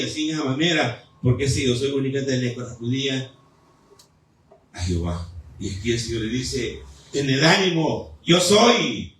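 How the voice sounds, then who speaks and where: A man preaching a fervent sermon as pastor, with pauses and repeated appeals to the congregation. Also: medium pitch, a little hiss or hum. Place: church sanctuary. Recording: echoey church hall, mic at a distance.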